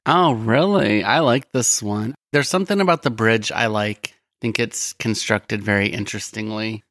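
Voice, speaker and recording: A man co-hosting a podcast, talking about songs in a relaxed, friendly way. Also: on the low side, moderate pace, dry recording. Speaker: podcast co-host. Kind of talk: casual chat.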